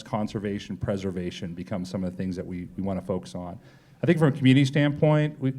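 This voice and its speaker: A man with a mellow, mid-range voice takes questions as a company executive during a live panel interview on stage at a pub talk event. He keeps it conversational, often slipping in "kinda" and "you know."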